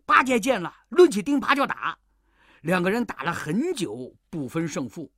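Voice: medium pitch, big pitch swings, moderate pace, a bit bright, dry recording. A storyteller reads a classic children's tale with great expression. The voice rises and falls widely and adds playful sound effects. The recording is dry and close with no room sound.

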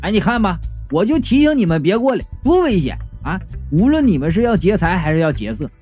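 A man's voice: high voice, very animated, fairly quick, darkish tone, soft background music. A man voicing a smug young man who fakes modesty, in a comic audiobook. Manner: mock-humble, sing-song.

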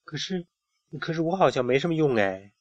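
A man's voice: medium pitch, fairly quick, no room sound, dull audio, natural voice. A man voicing a small, timid, curious boy who asks plaintive questions. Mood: wistful.

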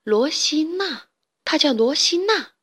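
A woman's voice: a little high, animated, normal speed, lightly acted. A woman voicing a young rooster boy who stammers and gets flustered. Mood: stunned.

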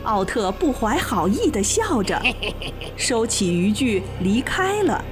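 Woman storyteller for kids, animated and expressive, slightly high voice, over clear background music. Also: measured pace. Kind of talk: children's storybook narration. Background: children's music.

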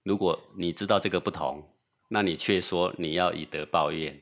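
A man's voice: sits low, fairly even intonation, normal speed, a bit bright. A man lecturing in dialogue, emphatic and rhetorical, often asking his listener if he is right. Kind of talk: lecture on Confucian ethics in dialogue.

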